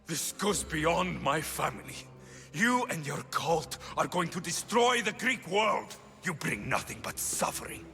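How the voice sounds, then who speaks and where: A man's voice: a little high, lively intonation, a little slow, vocal fry, bright, forceful tone, long reverb tail, soft background music, heavily acted. A man playing a fierce, vengeful mercenary hero with an intense, accusing delivery in a video game cutscene. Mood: indignant. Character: fierce, vengeful mercenary hero seeking his lost family. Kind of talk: dramatic game cutscene acting.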